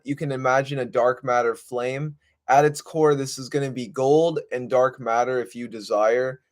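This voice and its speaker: Informal man rambling on a livestream. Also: mid-range voice. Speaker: livestream host. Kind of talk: casual unscripted spiritual livestream chat.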